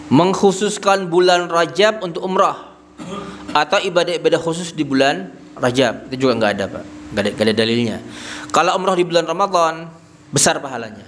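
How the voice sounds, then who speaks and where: A man's voice: a little high, lively intonation, brisk, a bit bright. Male religious teacher, lecturing in a small prayer hall, questions and answers his own points, faint background noise. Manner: tags nearly every phrase with "Pak"; asks the audience questions and answers them himself. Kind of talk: mosque study-circle lecture.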